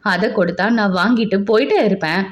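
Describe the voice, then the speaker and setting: A woman's voice: medium pitch, fast, pitched below the performer's own voice, close to an everyday voice. A woman doing a stubborn, angry young wife. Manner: sharp and snapping. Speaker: nurse. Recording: dull lo-fi recording.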